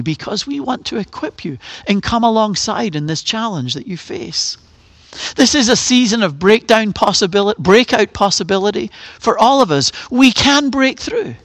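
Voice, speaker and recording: A man's voice: high-pitched, fairly bright tone, no room sound. A middle-aged man preaching a sermon as pastor, earnest and full of rhetorical questions. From Northern Ireland.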